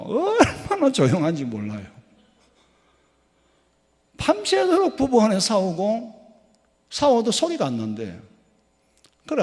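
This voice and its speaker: A man from South Korea, a pastor preaching a midweek sermon with folksy stories, swinging between loud emphatic lines and soft low asides. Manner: folksy, anecdotal, acts out dialogue. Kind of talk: sermon with storytelling. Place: church sanctuary. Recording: long hall reverb in church.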